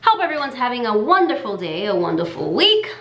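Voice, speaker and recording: A woman giving a casual tarot reading, chatty and full of fillers, in a voice she calls her lower fall voice. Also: sing-song, fairly quick, fairly bright tone, reverberant. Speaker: tarot reader.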